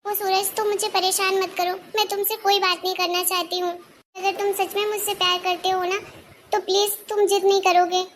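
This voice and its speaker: A woman's voice: very high-pitched, level tone, brisk, a little hiss or hum. A woman voicing a meek young stepdaughter. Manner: soft, meek and anxious. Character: gentle, worried young woman, mistreated stepdaughter.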